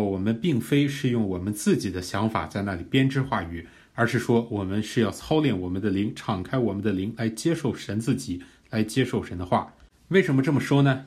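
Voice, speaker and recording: A man preaching a teaching sermon, earnest and measured, explaining a practice of prayer step by step. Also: lowish voice, a little mellow. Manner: earnest, measured, rising in fervor during prayed examples. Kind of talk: teaching sermon on pray-reading scripture.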